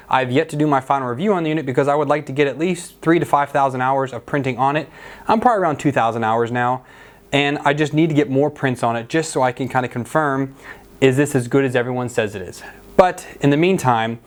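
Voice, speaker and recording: An American man in his thirties hosting a workshop video, explaining in an informal, chatty way to the camera. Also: medium pitch. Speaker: host of a 3D printing channel. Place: cluttered indoor workshop.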